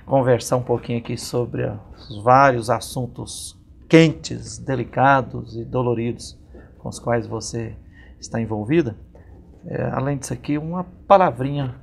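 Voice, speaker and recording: Gravelly-voiced Brazilian man hosting a TV interview. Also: mid-range voice. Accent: Brazilian Portuguese, Minas Gerais. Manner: slow, meandering, with many pauses and fillers. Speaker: TV program host and interviewer. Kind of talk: community TV interview.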